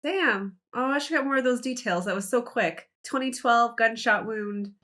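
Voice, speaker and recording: A woman's voice: a little high, moderate pace, fairly bright tone. A woman giving casual live reaction commentary, exclaiming often and thinking aloud as she watches. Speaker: reaction video host.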